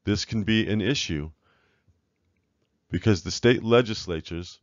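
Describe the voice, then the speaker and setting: A man with a very low voice delivers a measured, earnest lecture over slides, now and then pausing on fillers and restarting a word. The recording is dry and a little dull in tone, with no room sound around him. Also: no room sound. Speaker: author presenting his book. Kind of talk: slide-show lecture narration.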